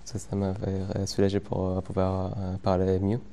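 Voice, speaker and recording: A man's voice: sits low, monotone, gravelly, warm tone. Stuttering young man. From Afghanistan. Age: young adult. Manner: stutters, many repeated words and pauses. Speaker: interviewee. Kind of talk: testimony interview.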